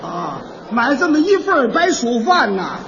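Brief: high, animated male comic foil, doubtful and stammering, old dull live recording. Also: unhurried, noisy background. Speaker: crosstalk comedian. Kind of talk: stage crosstalk comedy.

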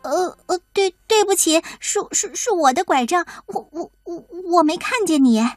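A woman voicing a gentle little female mole who stammers and cannot see well. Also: high-pitched, animated, a little slow, dry recording, studio quality, soft background music. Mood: flustered. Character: little female mole, poor-sighted, sharp-nosed, gentle.

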